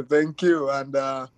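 Middle-aged Ugandan-born man, easygoing guest, dry close mic, mid pitch. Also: dry recording. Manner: relaxed, many fillers like "you know" and "um". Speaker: youth soccer academy director, guest. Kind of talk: casual interview.

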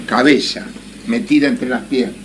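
Argentine man telling a lively story. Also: medium pitch, moderate pace, a little hiss or hum. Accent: Argentine Spanish. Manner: animated, laughing often, acting out voices in his stories. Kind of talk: casual anecdote telling.

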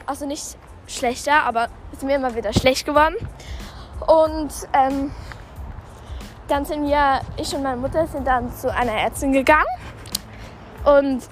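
A young woman talking casually while jogging, recording a rambling, halting podcast monologue in which she often corrects herself. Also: high-pitched, a bit bright. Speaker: podcast host. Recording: background music bed. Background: background music.

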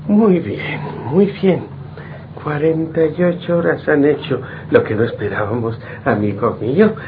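Slow-talking, kindly doctor. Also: male voice, fairly high pitch. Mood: jovial, reassuring. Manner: avuncular, chuckling, reassuring. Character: kindly, jovial male hospital doctor. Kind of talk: old radio drama acting. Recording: dull, noisy old radio recording.

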